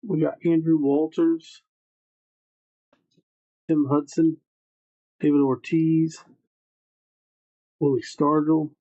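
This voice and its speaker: A man's voice: on the high side, level tone, slow, long pauses, mellow, lo-fi sound. A man hosting a livestreamed trading card break, calling out names matter-of-factly in short clipped phrases.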